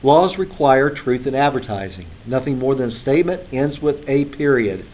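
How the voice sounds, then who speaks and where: A man's voice: mid-range voice, lively intonation, moderate pace, a little mellow. A male instructor giving a classroom lecture in a conversational way, with frequent filler sounds, recorded in a classroom.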